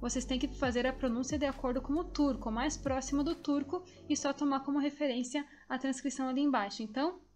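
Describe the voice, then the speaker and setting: A woman teaching a language lesson, explaining steadily and then sounding out words slowly, syllable by syllable. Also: sits high, fairly even intonation, a little mellow, faint music behind.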